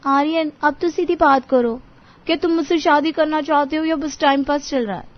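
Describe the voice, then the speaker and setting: A woman's voice: high voice, fairly even intonation, moderate pace, highs cut off, close to an everyday voice. A woman voicing a young girlfriend who insists on marriage in an emotional, pressing way. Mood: insistent.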